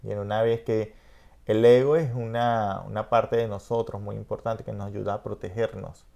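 Gravelly low-voiced Venezuelan man. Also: fairly even intonation, moderate pace, warm tone. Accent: Venezuelan Spanish. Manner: reflective, rambling, frequent "¿entiendes?". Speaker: podcast host. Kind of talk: casual conversation.

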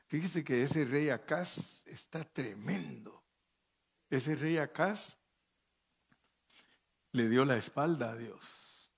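Slow, unhurried preacher, a man. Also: medium pitch, vocal fry, husky. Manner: checks in with listeners by asking "¿sí?" and "¿verdad?"; reads scripture aloud and comments between verses. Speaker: pastor. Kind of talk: sermon with Bible reading.

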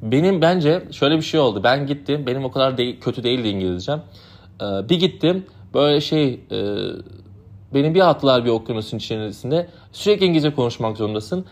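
A young adult podcast host, a native Turkish speaker, tells the story of his summer as a camp counselor. His mid-range voice is animated and quick, and he rambles chattily, full of fillers.

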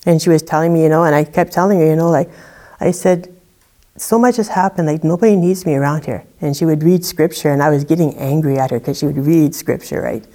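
Low-voiced woman sharing her testimony. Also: fairly quick, mellow. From Saskatchewan, Canada. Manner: conversational storytelling with many "you know" and "like" fillers. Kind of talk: personal testimony.

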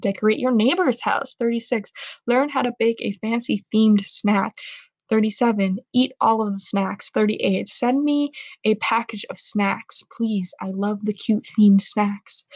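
A woman's voice: medium pitch, no room sound, low-quality recording. A young woman reading her own book aloud, telling it dramatically and stopping now and then to comment on it with amusement. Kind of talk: casual reading aloud with asides.

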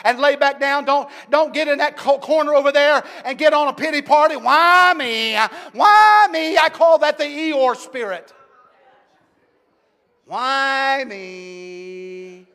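Pastor, high-pitched man, swings from hushed to shouting, church with long echo. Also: steady tone, fairly quick, hardly any pauses. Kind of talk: Pentecostal sermon. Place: large church sanctuary. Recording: long hall reverb.

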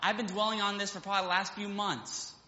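A man's voice: high voice, level tone, quick pace, pushed and bright. Guy preaching in church, reads old bible verses, kinda muffled roomy sound. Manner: preaching with rising fervor, quotes King James scripture. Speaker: pastor. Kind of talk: sermon. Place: church sanctuary. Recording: echoey hall, dull sound.

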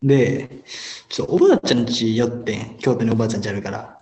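A man's voice: lowish voice, quick pace, darkish tone. A man in his twenties with a Kansai accent, co-hosting an amateur radio show with casual banter from an echoey room. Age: 20s. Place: indoors at a school. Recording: echoey school room, music behind.

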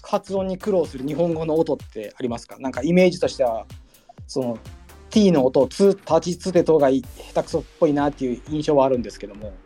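A man's voice: on the high side, expressive, fast, mellow, slightly rough, soft background music. A male host asking polite, hesitant questions with many fillers in a casual online audio chat. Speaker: podcast host.

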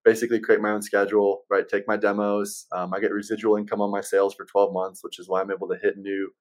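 A man's voice: fairly low pitch, level tone, quick pace. A man speaking casually as an interview guest, explaining things in an easygoing salesman manner. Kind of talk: casual chat.

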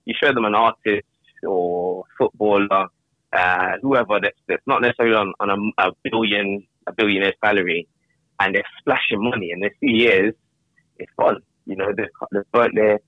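A man's voice: fairly low pitch, fairly even intonation, moderate pace, dry recording, lo-fi sound. A young man chatting as a guest on a podcast, reflective and hesitant, often repeating words as he thinks. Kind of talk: casual podcast conversation.

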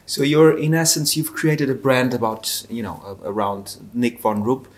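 A man's voice: mid-range voice, steady tone, moderate pace. A man hosting a podcast interview, conversational and asking leading questions. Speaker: podcast host.

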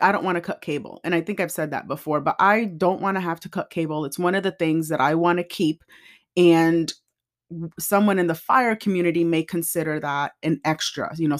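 Chatty woman hosting a money podcast. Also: fairly low pitch. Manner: chatty, opinionated, conversational. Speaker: podcast host. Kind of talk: casual podcast talk.

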